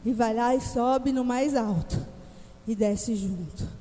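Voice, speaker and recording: A woman's voice: a little high, slow pace, warm tone. A woman preacher delivering an emphatic, dramatic sermon to her congregation in a church hall. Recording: echoey church hall reverb.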